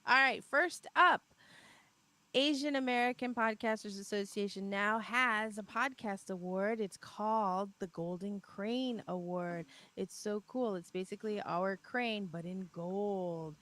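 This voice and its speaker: A chatty woman co-host, breezy and quick to laugh, guiding a casual live podcast. Her voice sits in the middle of the range. The recording is dry and close, with almost no room sound. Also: mid-range voice, fairly bright tone, no room sound. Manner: chatty, laughs often, upbeat. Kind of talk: casual live-stream chat.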